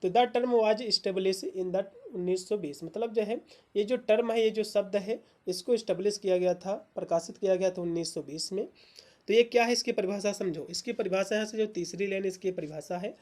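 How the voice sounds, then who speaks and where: A woman teacher explains literary terms in an exam-prep lecture, leaning on fillers and repeating herself. She reads English definitions slowly, one word at a time. Her voice is mellow and mid-pitched.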